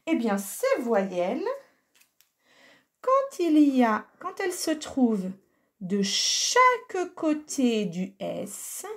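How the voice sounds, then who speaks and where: A woman teaching a recorded lesson for young children, speaking slowly and patiently and carefully sounding out letters. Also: fairly high pitch, wildly swooping pitch. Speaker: primary school teacher.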